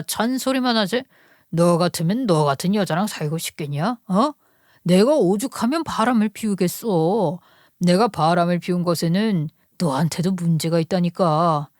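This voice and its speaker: A woman's voice: fairly low pitch, moderate pace, a little mellow, dry recording, clean studio sound, natural voice. Sneering cheating husband, voiced by a woman. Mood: scornful. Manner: sneering, contemptuous. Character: cheating husband, middle-aged man, scornful and blaming.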